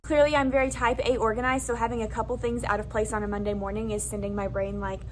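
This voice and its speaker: A woman's voice: fairly high pitch, little pitch movement, quick pace, a little hiss or hum. Chatty upbeat young woman teacher. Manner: chatty, upbeat, filler-heavy. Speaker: first grade teacher. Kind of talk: casual vlog narration.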